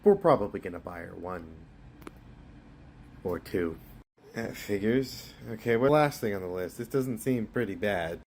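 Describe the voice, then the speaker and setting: A man voicing a comedy cartoon with brash, sweary, quick-fire banter. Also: lowish voice, slight background noise. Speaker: animator voicing his own comedy cartoon.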